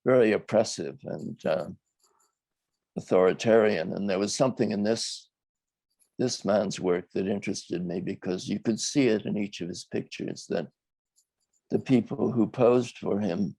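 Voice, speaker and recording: An older man, a documentary filmmaker, talks reflectively in an interview, choosing his words in a thoughtful, measured and hesitant way. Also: fairly low pitch, gravelly, dark tone, husky, no room sound.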